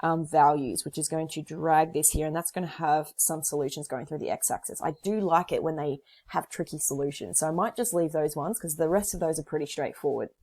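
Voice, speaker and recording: Low-voiced woman walking through maths working. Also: steady tone, a little fast, hardly any pauses, darkish tone. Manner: talks through working step by step, casual fillers. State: slightly hoarse. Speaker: maths teacher. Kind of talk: recorded whiteboard lesson.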